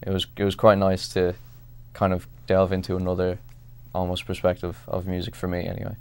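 A young man from Ireland with an Irish accent, an actor chatting casually in an interview, halting and self-deprecating with lots of restarts. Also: low-pitched, monotone, creaky, clear, resonant tone. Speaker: actor guest.

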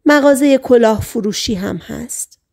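A woman reading the part of a hypnotized patient who relives a past life as a male sailor, speaking in short, halting sentences as if in a trance. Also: on the high side, gravelly, a little mellow. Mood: dreamy. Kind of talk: audiobook reading.

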